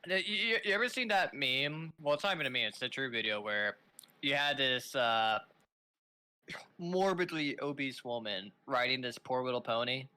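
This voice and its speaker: Young male esports caster, bright timbre, loose joking delivery with stuttered restarts. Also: mid-range voice, animated, moderate pace, smooth. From Los Angeles. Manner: joking, rambling, repeats words when starting. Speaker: esports shoutcaster. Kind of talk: casual esports commentary.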